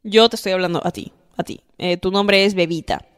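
A woman's voice: lowish voice, fairly quick, smooth. A young woman hosting a podcast, giving casual, affectionate advice and often checking in with the listener. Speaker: podcast host.

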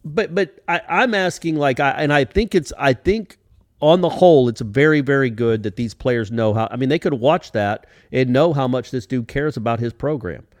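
A man hosting a casual sports podcast, animated and rambling, with many restarts. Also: mid-range voice, moderate pace, dry recording, clean studio sound.

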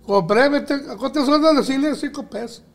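Sinaloa mexican guy, highish voice, short playful answers, chill chat. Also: normal speed, vocal fry. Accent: Sinaloa Mexican Spanish. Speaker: guest of the show. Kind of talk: casual chat.

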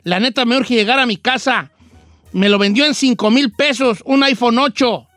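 A man's voice: extremely high pitch, normal speed, a bit bright, no room sound, clean studio sound, soft background music. A man playing a brash, folksy radio host with a Mexican accent, bantering and teasing in slang. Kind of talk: lively live call-in radio banter.

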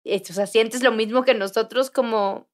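A woman's voice: on the high side, steady tone, fairly quick. A woman with a Mexican accent in casual podcast chat, musing as she talks. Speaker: podcast co-host.

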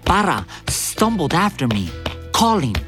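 A man narrating a dramatized audiobook in the first person, with vivid, expressive storytelling. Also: sits high, measured pace, over music. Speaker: narrator and lead actor.

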